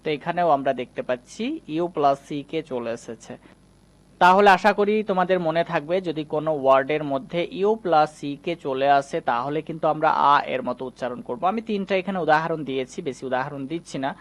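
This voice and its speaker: Guy teaching reading, kinda high voice, patient, says every example word twice. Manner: patient, repeats example words slowly. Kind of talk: explaining lesson to students.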